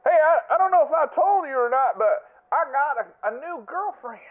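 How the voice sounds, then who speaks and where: A man's voice: very high voice, lively intonation, moderate pace. A man putting on a cheerful, clueless caller who rambles obliviously and chuckles, heard as a voicemail over a phone line. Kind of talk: comedic prank voicemail.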